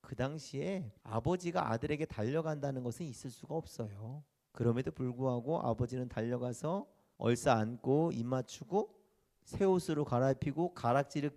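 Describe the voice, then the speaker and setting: A man's voice: mid-range voice, dark tone. A male pastor preaching a sermon, telling a story and acting out the characters' voices, asking the congregation questions and answering them himself.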